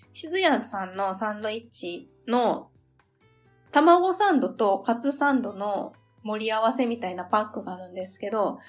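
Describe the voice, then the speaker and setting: A woman from the region of Japan, hosting her own podcast in a gentle, polite, chatty way with soft laughs. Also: fairly high pitch. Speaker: podcast host. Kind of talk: solo podcast chat, travel diary.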